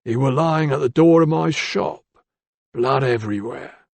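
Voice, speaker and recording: A man voices a timid, grasping, working-class ironmonger with a thin, bleating voice, wheedling and deferential, constantly saying "sir." His own voice is medium-pitched, a little slow, darkish, with vocal fry, recorded with no echo.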